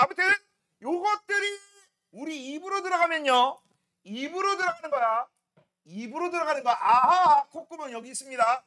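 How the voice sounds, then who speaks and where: High, animated male science teacher. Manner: animated, joking, constantly checking with students. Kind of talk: classroom science lecture.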